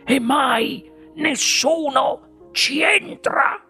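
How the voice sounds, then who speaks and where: A wildly excitable old grandfather who squeaks up into a very high, gravelly register. He drags his words out slowly and bursts into exclamations as if sharing a grand secret. Soft music hums beneath the storybook reading. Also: heavily acted. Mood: excited insistent. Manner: dramatic, exclaiming, drawn-out emphasis. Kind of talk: audiobook character voice.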